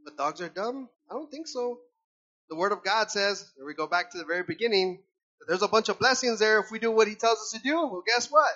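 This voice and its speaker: A man preaching to his church with a high, bright voice, turning animated and acting out little voices of the people he talks about. He keeps calling the congregation brothers and sisters. The recording sounds dull and lo-fi. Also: fairly quick. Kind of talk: sermon. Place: church service.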